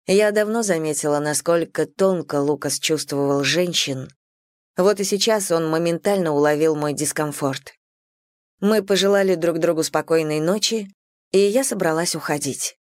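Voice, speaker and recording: A woman reading a first-person novel aloud in an even, measured way, close to the mic. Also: low voice, no echo. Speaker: audiobook narrator. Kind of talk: first-person audiobook narration.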